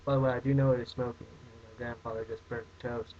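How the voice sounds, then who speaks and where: A man's voice: mid-range voice, level tone, quick pace, darkish tone. A young man hosting a casual comedic vlog, answering viewer questions in a rambling, mock-outraged way. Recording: dull lo-fi webcam audio, faint hiss.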